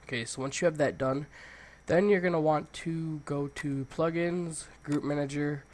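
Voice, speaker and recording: A man with a stuffy, congested nose hosting a casual software tutorial, talking informally and thinking aloud as he goes. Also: fairly high pitch, fairly even intonation, moderate pace. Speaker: tutorial host.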